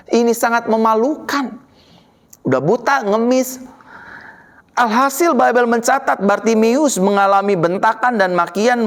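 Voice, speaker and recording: A woman pastor preaching a sermon dramatically, swinging between loud and quiet passages. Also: a little high.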